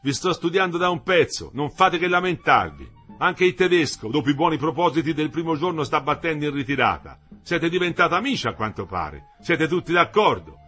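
A man's voice: fairly high pitch, very animated, fairly quick, hardly any pauses, pushed and bright, slightly rough, faint music behind, voice pushed up, exaggerated voice. A man voicing Metello, a young working man who turns harsh and accusing, reading him from a novel. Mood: angry. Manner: raised, accusing delivery.

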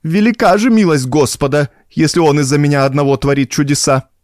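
A man's voice: a little high, sing-song, normal speed, darkish tone, no room sound, clean studio sound, voice pushed up. Storybook: hulking, jumpy, defensive man read by a male narrator, sarcastic. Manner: blustering, sarcastic. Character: giant former postmaster, defensive, scared.

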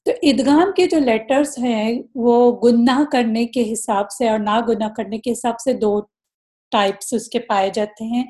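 A woman's voice: a little high, fairly even intonation, darkish tone. Patient woman teaching Quran recitation. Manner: patient and explanatory, demonstrates recitation slowly. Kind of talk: tajweed lesson.

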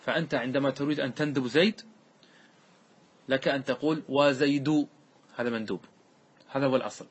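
Husky-voiced sheikh teaching grammar step by step. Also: male voice, mid-range voice. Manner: explains step by step, often checking with listeners; drags out example words slowly when reciting. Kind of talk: classical Arabic grammar lesson.

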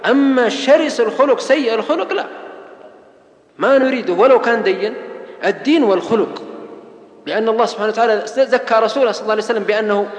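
A man's voice: very high-pitched, fast. A man giving a religious lecture, preaching emphatically with oaths and strings of rhetorical lists. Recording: echoey hall with long reverb.

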